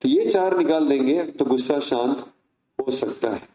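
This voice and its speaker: A man's voice: medium pitch, sing-song, unhurried, mellow. A man giving a motivational talk, telling stories in a conversational way and asking questions. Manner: conversational, asks the audience questions. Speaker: speaker. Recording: echoey room.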